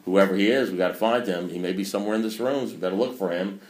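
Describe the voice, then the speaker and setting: A deep, darkish male voice races along as a man in his sixties talks at a recovery meeting. He rambles and preaches, regularly making fun of himself, and the recording carries the echo of the meeting room.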